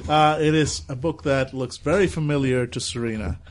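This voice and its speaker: A man running a tabletop role-playing game as game master, explaining rules in a relaxed way with frequent filler words. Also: medium pitch, moderate pace.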